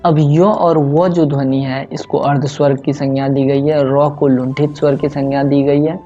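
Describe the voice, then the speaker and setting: A male teacher talks through his slides in a mellow, relaxed voice, stopping often to check in with "okay" and calling his listeners friends. The recording sounds a little dull, with faint music under it. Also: on the high side. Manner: fills pauses with a frequent "thik hai". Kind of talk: explanatory lesson narrated over slides.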